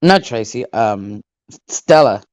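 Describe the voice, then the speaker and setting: Male co-host with voice changer deepening him, teasing livestream banter, lively pitch. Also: slow pace, no room sound, studio quality. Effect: voice changer lowering the voice. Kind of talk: casual livestream chat.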